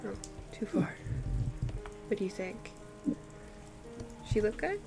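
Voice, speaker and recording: A very animated woman with a medium-pitched voice speaks slowly over music as she draws on a live stream. She's a first-language Afrikaans speaker who is chatty and giggly, laughing often and using lots of "like".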